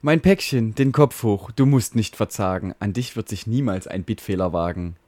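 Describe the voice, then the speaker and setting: A man's voice: fairly low pitch, normal speed, a little mellow, no echo, studio quality, lightly acted. A man voicing a boastful, fatherly network router in a rhyming comic ballad, reciting in a soothing, self-important way.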